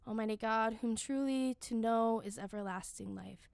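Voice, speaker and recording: A woman leading worship, reciting prayers and scripture in measured, solemn short phrases. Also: fairly high pitch, vocal fry, a little mellow, no room sound. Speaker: worship leader reading the daily office. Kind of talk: liturgical prayer and scripture reading.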